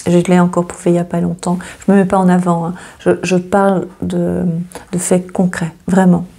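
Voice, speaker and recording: Gravelly, husky French-speaking woman host. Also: lowish voice, completely flat delivery, normal speed. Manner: hesitant, many fillers and repeats, gently reassuring. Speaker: astrology channel host. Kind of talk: casual astrology reading to camera.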